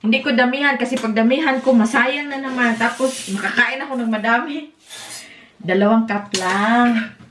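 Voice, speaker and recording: Filipino mom chatting while cooking. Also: female voice, on the high side, normal speed, noisy background. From Philippines. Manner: switches between chatting to viewers and scolding a toddler. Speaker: vlogger and mother. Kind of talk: casual cooking vlog chat. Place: home kitchen. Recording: echoey room from a distance.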